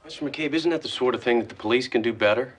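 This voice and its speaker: A man's voice: mid-range voice, quick pace, slightly rough, natural voice. An actor playing a district attorney's assistant, a man who answers in a deferential, hesitant way.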